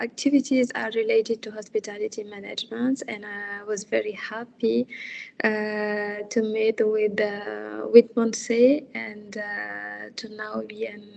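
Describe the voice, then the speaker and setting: A woman from Senegal, a hospitality consultant, talking slowly and hesitantly with many fillers and restarts as a guest on a video call interview. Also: on the high side, vocal fry, darkish tone, a little hiss or hum.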